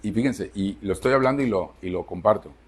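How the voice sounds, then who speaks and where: The voice is lowish and fairly quick, with a breathy edge. It comes from a Mexican man in his sixties preaching emphatically to his church on Sunday, as pastor, asking questions of the congregation and answering them himself.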